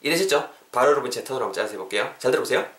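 A man runs a casual podcast English lesson, talking in a chatty, joking way that keeps drifting into asides. His pitch swings a lot, bouncing up and down through each explanation. He sounds slightly away from the mic, in a room with noticeable echo. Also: animated, rapid-fire, a bit bright, distant mic. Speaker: English teacher, podcast host.

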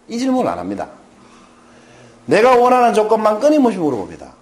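A middle-aged man giving a lecture, playful and joking as he quizzes his audience. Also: sits high. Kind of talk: lively lecture with audience questions.

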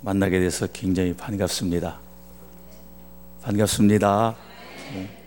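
A man's voice: low voice, fairly even intonation, a little slow, darkish tone, slight background noise. A man from Chungcheong preaching as a guest pastor, telling a funny story and acting out its dialogue. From Chungcheong, Korea. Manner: jokey, acts out dialogue in dialect. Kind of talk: humorous sermon storytelling.

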